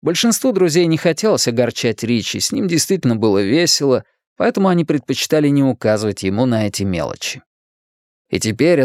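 Expressive male audiobook narrator. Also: medium pitch, no room sound, studio quality. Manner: lively, expressive reading. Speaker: audiobook reader. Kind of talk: scripted narration.

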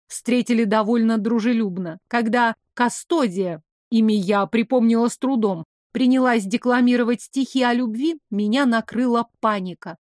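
A woman reading a fantasy novel aloud in a steady, expressive first-person narration. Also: fairly high pitch, dry recording, studio quality. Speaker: audiobook narrator. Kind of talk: scripted narration.

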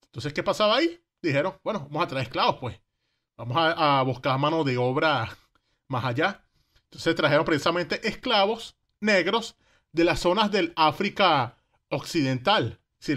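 Speaking with a Venezuelan Caribbean Spanish accent, a man whose voice sits on the high side and sounds fairly bright narrates history informally. His slangy talk is sprinkled with rhetorical questions and acted-out quotes.

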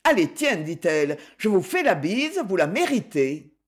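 A woman's voice: fairly low pitch, very animated. Reader putting on a bossy cheery lady cop, mid-aged, voice jumps up and down a lot. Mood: jovial. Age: middle-aged. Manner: brisk, commanding, joking. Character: tall blonde middle-aged woman police commander, brisk, jovial. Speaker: police commander.

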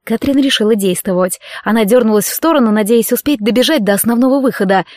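Woman reading an audiobook, expressive, bone dry close sound. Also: on the high side, quick pace, no room sound. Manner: expressive storytelling. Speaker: audiobook narrator. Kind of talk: scripted romance audiobook narration.

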